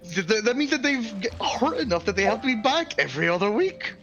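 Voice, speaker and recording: Guy on a stream, stutters and jumps in, kinda high voice, game music behind. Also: fairly quick, highs cut off. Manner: stammering, animated. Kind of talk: casual live-stream chat.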